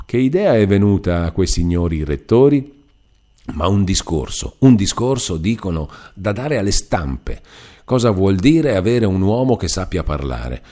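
A man voicing a warm-hearted, talkative male cousin, a foreman at a mill, in an audiobook reading. He talks in a chatty, rambling, good-natured way. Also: deep voice. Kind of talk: audiobook character voice.

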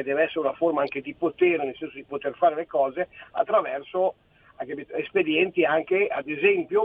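A man's voice: a little high, gravelly, breathy edge. A man in his sixties from Friuli Venezia Giulia, a caller phoning in to a radio show, rambling and indignant and repeating himself. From Friuli Venezia Giulia, Italy. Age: 60s. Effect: phone-in caller on a radio show. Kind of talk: heated political phone-in. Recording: tinny phone line.

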